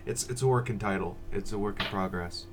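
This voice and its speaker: A man co-hosting a casual gaming news podcast, joking in a dry, deadpan way. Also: fairly low pitch, fairly quick, a little hiss or hum. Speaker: podcast co-host.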